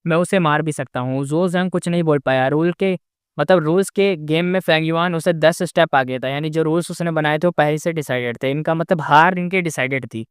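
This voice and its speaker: Chatty male story narrator, smooth voice. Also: a little high, a little fast, no echo, studio quality. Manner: chatty asides to the listener. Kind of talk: casual novel recap narration.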